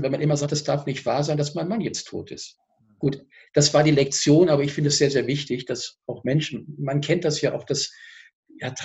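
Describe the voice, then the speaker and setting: A man, a speaker on personal growth, explaining his ideas as a guest in a TV interview, lively and full of examples. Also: fairly high pitch.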